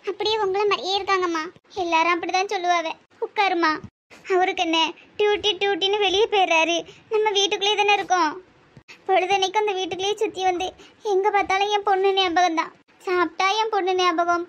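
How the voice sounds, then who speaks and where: A woman's voice: very high-pitched, fairly even intonation, fast talker, a bit bright. A woman voicing a tearful, grieving middle-aged mother in a cartoon, lamenting with a Tirunelveli Tamil accent. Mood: mournful. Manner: mournful, lamenting. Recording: dull lo-fi sound.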